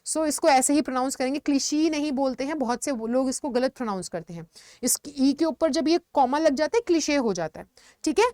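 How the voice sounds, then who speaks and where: A woman teacher explaining vocabulary in an online lesson, mixing Hindi with words and giving lively examples. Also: sits high, brisk, dry recording, clean studio sound. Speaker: English teacher.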